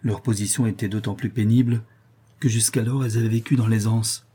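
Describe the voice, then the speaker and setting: Male narrator, audiobook, steady, measured, dark tone, breathy edge. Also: on the low side.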